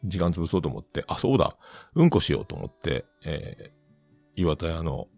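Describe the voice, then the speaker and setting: Rambling man with a lively low voice. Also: moderate pace, creaky, faint music behind. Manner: rambling storyteller, acts out quoted voices. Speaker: podcast host. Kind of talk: casual solo chat.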